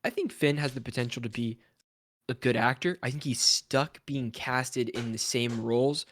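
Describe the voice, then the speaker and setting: A man co-hosting a casual film podcast, chatting in an animated, jokey way about movie news. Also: medium pitch, moderate pace, slight background noise. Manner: animated, jokey, swings into bits and mock voices. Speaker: podcast co-host. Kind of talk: casual chat.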